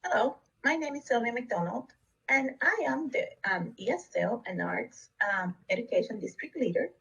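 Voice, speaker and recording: A woman presents a recorded webinar in an earnest, steady way. Her voice sits a little high and sounds husky and breathy. She is recorded from a bit back from the microphone. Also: normal speed, distant mic, lo-fi sound. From Costa Rica. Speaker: district education leader.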